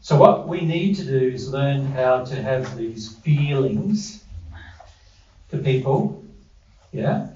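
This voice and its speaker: Here an Australian man leads a casual spiritual talk for a few people gathered in a living room, chatting with them and echoing their replies. His mid-range voice is warm, with lively intonation, a slow pace and long pauses. Heard from a distance in a dull, echoey room, the audio carries slight background noise.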